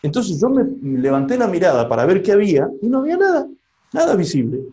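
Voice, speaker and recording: A man, a pastor telling a story to a seminar audience as part of a sermon. He talks in an animated way and asks the listeners questions. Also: high voice, quick pace.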